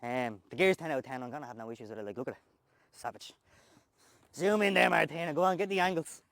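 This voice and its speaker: A man's voice: a little high, fast talker, creaky, fairly bright tone, dry recording. An Irish tradesman in a casual unboxing chat, joking and swearing as he talks to the person filming. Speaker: tradesman unboxing work gear.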